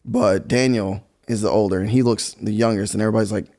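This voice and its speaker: A man's voice: lowish voice, steady tone, quick pace, darkish tone. A young man, a guest musician, chatting in an easygoing, rambling way with many fillers. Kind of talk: casual interview chat.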